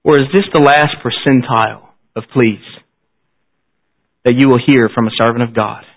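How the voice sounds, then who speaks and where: A man's voice: mid-range voice, fairly even intonation, moderate pace. A man preaching a sermon at a pulpit microphone in a church service, pressing the congregation with earnest rhetorical questions. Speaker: pastor. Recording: dull, slightly lo-fi sound.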